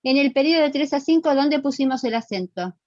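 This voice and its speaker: A fairly high-voiced woman gives an online lecture, patiently explaining and asking her students questions. Her audio comes through dull and muffled over a video call, with a close, dry sound and no room echo. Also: animated, a little fast, a little mellow. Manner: explanatory, asks the class questions and repeats answers. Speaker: teacher.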